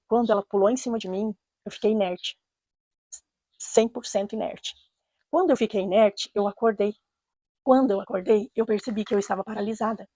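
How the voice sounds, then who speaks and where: A Brazilian woman with a Brazilian Portuguese accent narrates a personal story in a measured, earnest way and leans on repeated phrases. Her voice is mellow and slightly husky. The recording is dry and close. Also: medium pitch, dry recording. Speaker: storyteller, channel host.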